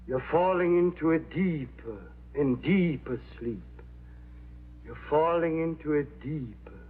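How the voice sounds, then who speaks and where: An actor playing a con man who poses as a temperamental hypnotist professor, with grandiose, deliberate delivery in a vintage crime drama. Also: a little high, slightly rough, full character voice. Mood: hypnotic, soothing. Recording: tinny band-limited old TV soundtrack, humming noise.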